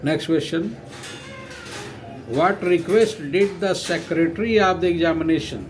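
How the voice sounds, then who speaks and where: Slow-dictating male teacher. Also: a little high, soft background music, low-quality recording. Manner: repeats phrases and spells words letter by letter. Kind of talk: dictation lesson.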